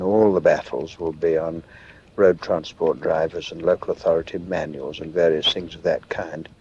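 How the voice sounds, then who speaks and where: A man's voice: low voice, vocal fry, a little mellow. Man on a worn, hissy tape copy. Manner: measured, dated entries with frequent uh and um pauses. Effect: worn tape copy, muffled with hiss. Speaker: politician dictating a diary. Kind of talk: spoken diary dictation. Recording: muffled old cassette tape with hiss.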